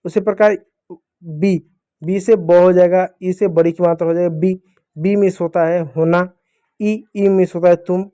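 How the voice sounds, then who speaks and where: A young man teaches small children how to read, his voice pitched high yet soft and mellow. He goes patiently, posing each rule as a question and then answering it himself. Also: steady tone, moderate pace. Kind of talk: phonics lesson for young children.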